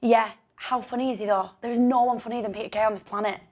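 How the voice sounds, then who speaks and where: A young woman with a northern English accent hosts a casual podcast chat. She talks in a bubbly, giggly way and swears freely, her voice sitting a little high. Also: fast talker. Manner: animated, giggly, sweary banter. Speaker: podcast host.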